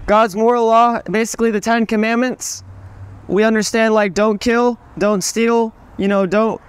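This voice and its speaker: A man's voice: sits high, flat delivery, moderate pace, clean tone. A young man with a Southern US accent preaching outdoors, reading scripture steadily and then explaining it plainly. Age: young adult. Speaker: street preacher. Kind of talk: open-air street preaching and scripture reading. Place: outdoors on a town street.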